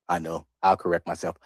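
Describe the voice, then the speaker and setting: A low-pitched yet slightly bright male voice delivers loose, meandering reaction commentary during a live stream. Using a desk microphone with no room sound, he repeats himself and laughs between remarks.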